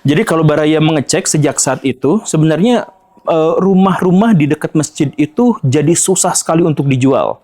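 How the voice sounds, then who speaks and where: A man speaks in a slightly higher voice than most men. He talks casually and directly to his viewers and keeps asking rhetorical questions as he explains. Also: animated, normal speed, mellow. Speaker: host.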